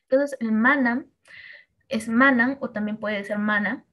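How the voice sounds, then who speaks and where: A woman's voice: on the high side, steady tone, a little slow, fairly bright tone. Hesitant woman teaching a language class. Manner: hesitant, many fillers and restarts, checking with ¿no? and ¿sí?. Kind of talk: online lesson for medical students.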